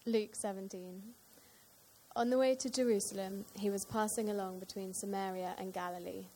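Brief: woman reading scripture aloud, mellow dark tone, steady delivery, faint background noise. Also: mid-range voice, normal speed. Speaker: scripture reader.

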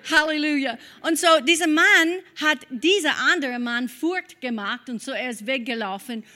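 A woman from Kentucky, preaching a sermon and telling a personal story with lively storytelling and prayer in tongues. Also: high voice, normal speed. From Kentucky, USA.

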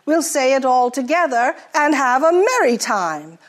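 Woman reading a rhyming story, sing-songy, high voice, takes it slow. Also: sing-song. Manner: sing-song, inviting listeners to join the refrain.

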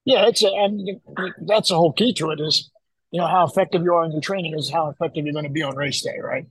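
Older man, higher-pitched, close dry sound. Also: quick pace, breathy edge, no echo, rough recording. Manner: rambling, repeats phrase openings. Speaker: running coach. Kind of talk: casual interview talk.

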